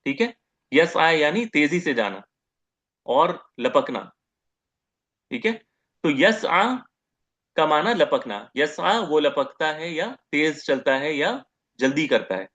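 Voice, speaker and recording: A man giving a grammar lecture as teacher, posing questions to the class, answering them himself and repeating each term slowly. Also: fairly high pitch, lively intonation, a bit bright, dull audio. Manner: asks questions and answers them himself, repeats terms, says "okay" often.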